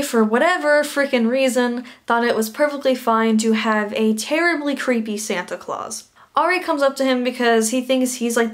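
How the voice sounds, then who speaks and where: Sarcastic young woman ranting reviewer. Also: fairly high pitch. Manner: sarcastic, laughs between lines. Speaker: YouTube movie reviewer. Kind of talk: comedic review rant.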